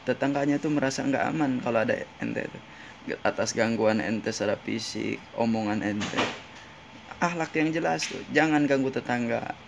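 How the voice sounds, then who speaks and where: A man's voice: medium pitch, normal speed, gravelly, background noise. A man giving a casual Islamic sermon, reciting Arabic sayings and translating them, often asking his listeners if he's right. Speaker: preacher. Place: in Jeddah.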